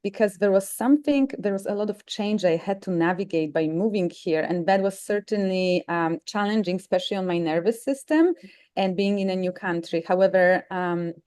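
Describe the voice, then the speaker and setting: A Polish woman who speaks English as her second language, with a Polish accent, earnestly tells her story as a guest author in an interview conversation. Her mid-range voice is a little mellow and clean, at a moderate pace, in a dry recording with clean studio sound.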